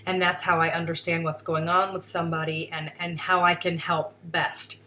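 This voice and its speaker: Earnest woman podcast host, lowish voice. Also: little pitch movement, moderate pace, pushed and bright, a little hiss or hum. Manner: earnest, rambling, with frequent fillers and restarts. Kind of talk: casual solo commentary.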